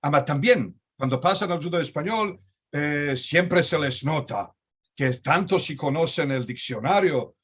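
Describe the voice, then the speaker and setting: Hosting a conversational Ladino interview over video call, this man poses lengthy, searching questions, often restarting and using fillers. His voice sits a little high, fairly bright and breathy, expressive and unhurried.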